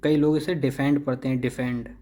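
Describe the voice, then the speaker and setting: Slow mellow guy teaching vocab, says each word over and over. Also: mid-range voice, steady tone. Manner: slow, repeats each word to drill pronunciation. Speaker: English teacher. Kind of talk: vocabulary lesson.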